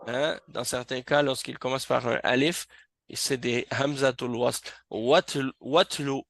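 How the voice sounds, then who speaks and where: A man teaching an Arabic reading class in a mosque, explaining slowly and patiently and repeating words so students catch the pronunciation. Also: mid-range voice, flat delivery, creaky, a bit bright, no room sound.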